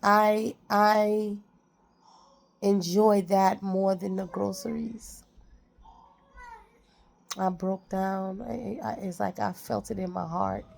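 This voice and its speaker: A woman speaks straight to her viewers in a casual, heartfelt way. Her voice is strongly gravelly and full of fry. She sits at a middle pitch and drives her points home by saying the same phrase again and again. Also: level tone, slow, long pauses. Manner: repeats phrases for emphasis, preachy and heartfelt. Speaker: vlogger. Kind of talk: casual motivational talk.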